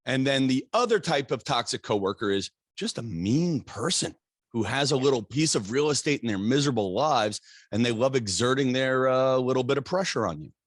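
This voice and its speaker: A middle-aged man hosting a podcast interview, talking in an animated, halting way with restarts and fillers. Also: medium pitch, dry recording, clean studio sound. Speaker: podcast host. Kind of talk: casual interview chat.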